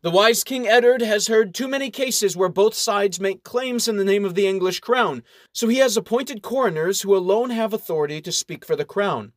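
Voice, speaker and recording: A man voices a bold, formal royal official who speaks with firm authority. His voice is high and pitched above his own natural register yet sounds natural, at a moderate pace, in a dry, clean studio recording.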